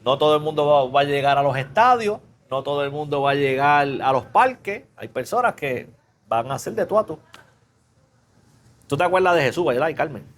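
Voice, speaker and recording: A man preaching in a relaxed, conversational way, teaching a Bible class and often asking the listeners questions. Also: fairly high pitch, brisk. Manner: casual, chatty, asks the class questions; mixes English fillers into Spanish.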